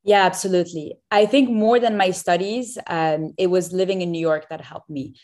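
A young woman in her twenties talks as a podcast guest in a low, upbeat voice. She is chatty and quick to restart her sentences, with plenty of fillers along the way. Her tone is that of easygoing interview talk. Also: a little mellow. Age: 20s. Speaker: startup founder guest.

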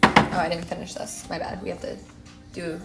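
A woman's voice: fairly low pitch, monotone, normal speed, loud music behind the voice. A young woman co-hosting a casual cider tasting chat, upbeat and giggly. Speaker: co-host of a cider tasting show. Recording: roomy echo.

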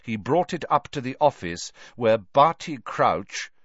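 A man voicing a cold male professor who speaks low and measured, in a dull lo-fi recording. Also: very animated, no echo.

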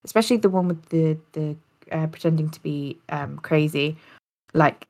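A woman co-hosts a casual talk show, telling stories with laughter and animation. Her voice sits low and has a gravelly fry to it. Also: moderate pace. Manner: animated storytelling, laughing often. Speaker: podcast co-host. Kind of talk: casual chat.

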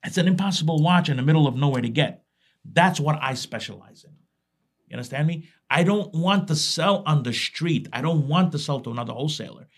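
A man's voice: a little high, animated, a little fast. A man from Iraq, a watch dealer guest on a podcast, talking in a brash, streetwise, emphatic way. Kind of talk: casual podcast conversation.

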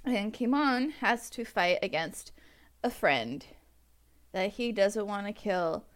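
A woman's voice: mid-range voice, lively intonation, takes it slowly. A woman podcast co-host recapping a book in casual chat, giggly and rambling, often losing her place. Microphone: own microphone.

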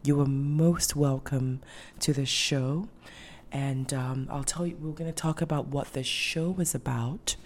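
A woman's voice: extremely low pitch, steady tone, a little slow. A woman from Ghana hosting a faith podcast, talking earnestly and with many ums and restarts. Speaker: podcast host. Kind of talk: casual faith podcast monologue.

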